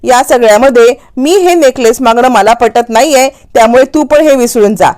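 A woman voices a kind, dutiful young daughter-in-law in a retold serial. She pleads gently in a high, earnest voice. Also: normal speed, lightly acted. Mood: pleading.

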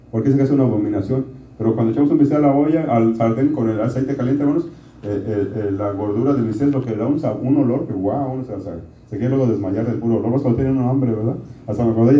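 A middle-aged man preaching a conversational sermon. He keeps asking the congregation "right?" and calls them "brothers". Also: medium pitch. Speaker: pastor. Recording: distant, roomy, dull lo-fi sound.

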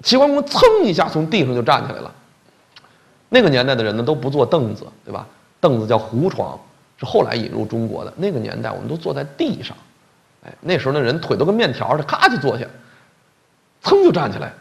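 Animated gravelly male lecturer. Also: medium pitch, fast. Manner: animated, colloquial, asks the audience questions. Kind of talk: comic storytelling lecture.

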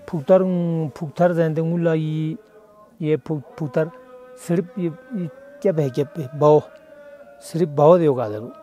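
A man's voice: fairly high pitch, warm tone. A middle-aged monk telling the history of his monastery in an outdoor interview, recorded on a lapel mic. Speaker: senior lama of the monastery.

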